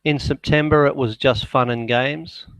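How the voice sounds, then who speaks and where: A man's voice: medium pitch, steady tone, measured pace, a bit bright, smooth, no room sound. A man dictating financial market commentary as an analyst, speaking his punctuation aloud and letting his voice drop on it. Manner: dictating, voice dropping on spoken punctuation.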